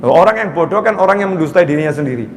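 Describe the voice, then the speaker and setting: A man gives a lively, joking sermon in a high voice. The sound carries a long reverb, as in a large hall. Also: rapid-fire, slight background noise. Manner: lively, conversational preaching with jokes and quoted voices. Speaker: preacher. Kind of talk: Islamic sermon.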